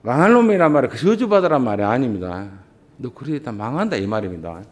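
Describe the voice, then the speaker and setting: A man's voice: very animated, fast talker. A middle-aged male pastor preaching a sermon in a church, emphatic and full of rhetorical questions. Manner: emphatic preaching with big swings in pitch and volume. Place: church sanctuary.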